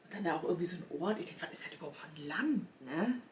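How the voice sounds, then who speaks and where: A woman's voice: deep voice, lively intonation, very fast, a little hiss or hum. Woman host, chatty storyteller who acts out dialogue, mic a bit far off. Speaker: knitting podcast host. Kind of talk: casual podcast monologue.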